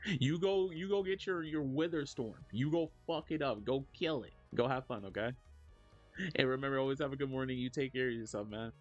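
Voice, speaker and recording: Sketching on stream, he chats loosely with his audience, a man in his thirties who rambles, leans on fillers, and speaks a little fast. Reactions to chat send his voice jumping higher. The recording is dull, with soft background music.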